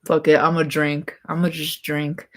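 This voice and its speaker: Young woman vlogger, deep voice with vocal fry, profane offhand chatter, kept quiet at home. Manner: blunt, profane, rambling; trying to talk quietly. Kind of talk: casual chat to camera.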